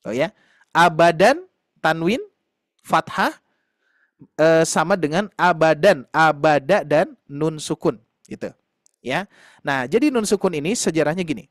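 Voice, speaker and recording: High-voiced man teaching a class. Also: expressive, no room sound, clean studio sound. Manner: explains slowly with many fillers, addresses students directly. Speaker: Quran recitation teacher. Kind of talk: online tahsin class lecture.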